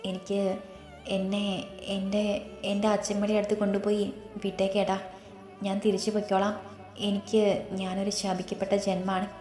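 A gentle young wife, as a woman reads her. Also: medium pitch, steady tone, quick pace, close to an everyday voice. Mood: tearful. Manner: soft, hesitant. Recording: roomy, faint background music.

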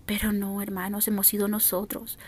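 A woman's voice: mid-range voice, monotone, normal speed, darkish tone, breathy edge. A woman preacher recording a fervent, pleading prophetic exhortation as an audio message, repeating her appeals to the listeners. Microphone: self-recorded audio message.

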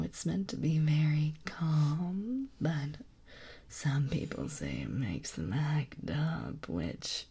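Soft slow whispery lady streamer, mellow tone, sweet with her chat. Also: deep voice, slightly rough. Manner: gentle, affectionate, reads chat aloud. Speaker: ASMR streamer.

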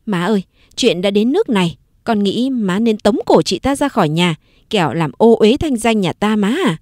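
A woman's voice: mid-range voice, lively intonation, normal speed, a little mellow, no room sound, clean studio sound, close to an everyday voice. A woman narrator voicing a sly, scheming young woman who sneers and cuts at others. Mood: sneering. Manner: sneering, cutting.

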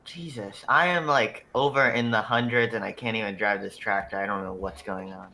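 Gravelly low-voiced man giving offhand gaming remarks. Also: fairly even intonation, moderate pace, pushed and bright, slight background noise. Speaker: fellow player in the game. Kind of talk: casual gaming chat.

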